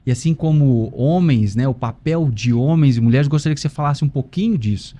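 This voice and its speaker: A man's voice: medium pitch, a little fast, mellow. A Brazilian man speaking with a swollen lip, hosting a conversational interview. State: swollen lip after a biopsy. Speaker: podcast host.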